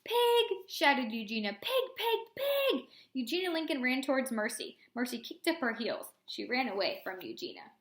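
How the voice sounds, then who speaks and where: High voiced lady reading a kids book out loud, doing little voices, echoey room. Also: very animated, a little fast, few pauses. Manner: shifts voices for each character. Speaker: reader. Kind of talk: storybook read-aloud.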